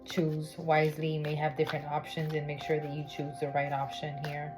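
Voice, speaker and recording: A Miami woman with a low voice and completely flat, brisk delivery reads tarot for a casual spiritual vlog. Her manner is chatty, full of fillers and regular "okay?" check-ins, with music in the background.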